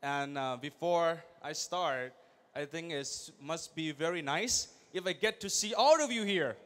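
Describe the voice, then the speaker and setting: A young man from Thailand, giving an energetic motivational speech at a large convention and firing questions at the crowd. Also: fairly high pitch, unhurried. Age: young adult. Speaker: convention speaker.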